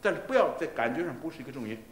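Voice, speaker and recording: A man teaching voice in a masterclass, stopping to sing short phrases as examples, in a halting, repetitive way full of fillers. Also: mid-range voice, very animated. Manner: breaks into sung Italian phrases to demonstrate. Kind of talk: masterclass coaching a singer. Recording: roomy archival class recording, faint hiss.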